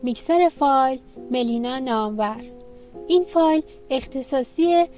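A woman announcer reads out the credits in a formal, measured way. Her voice sits somewhat high. Faint music plays under her. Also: mellow. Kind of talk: reading production credits.

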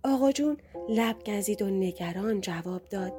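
A woman narrating a story in the first person with an expressive telling. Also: mid-range voice, soft background music.

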